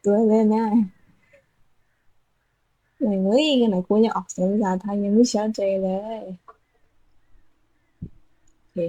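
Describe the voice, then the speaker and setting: A woman's voice: mid-range voice, fairly even intonation, a little slow, long pauses, warm tone, poor audio. A young woman casually commenting as she plays a game, with crude slang and lots of exclamations. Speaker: game streamer. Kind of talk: casual let's-play commentary.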